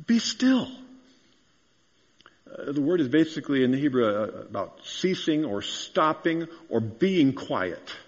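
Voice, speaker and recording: A man's voice: mid-range voice, lively intonation, moderate pace, few pauses. A man preaching a sermon, earnest and conversational, rising to emphatic declarations. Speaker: pastor. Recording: dull sound with long reverb in a large hall.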